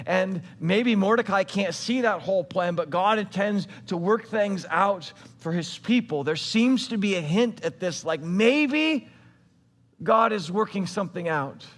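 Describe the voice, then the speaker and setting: High-voiced man telling a sermon story. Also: a bit bright, in a large hall. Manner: casual storytelling retelling of scripture with modern slang. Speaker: pastor.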